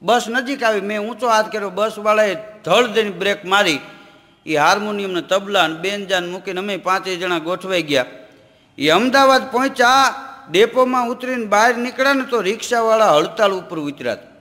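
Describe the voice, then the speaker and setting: A man's voice: high-pitched, a little fast, sharp tone. A man telling comic stories and reciting verse on stage. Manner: jokey anecdotes with quoted dialogue and recited verse. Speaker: folk comedian and storyteller. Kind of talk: stage comic storytelling to a live audience. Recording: live stage recording with long hall reverb. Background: audience laughter.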